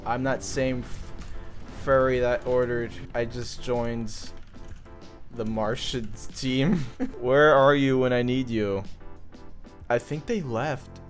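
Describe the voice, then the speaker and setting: A young man giving excited, playful gameplay commentary, shouting at the game now and then. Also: mid-range voice, slow, pauses often. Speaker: gaming video creator. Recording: game music playing softly behind.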